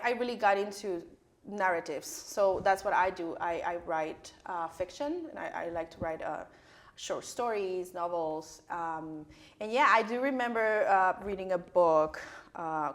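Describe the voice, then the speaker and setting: Honduran woman author giving interview answers. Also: lowish voice. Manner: hesitant, many fillers and restarts. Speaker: author and professor, interview guest.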